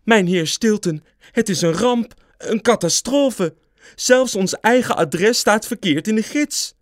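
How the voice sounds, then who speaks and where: A man voicing a panicking female mouse editor, shrill and breathless, close to tears, in a storybook reading. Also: slow, dry recording. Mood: tearful.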